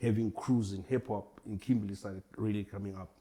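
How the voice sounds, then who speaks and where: A man's voice: lowish voice, steady tone, brisk, warm tone. A man in his forties from Tanzania, a hip hop artist chatting as a guest in a casual interview, laid-back and rambling. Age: 40s.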